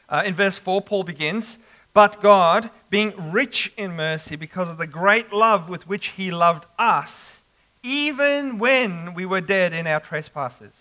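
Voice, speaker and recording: A man preaching an expository sermon, slow and emphatic with dramatic pauses. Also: fairly high pitch, pushed and bright, poor audio.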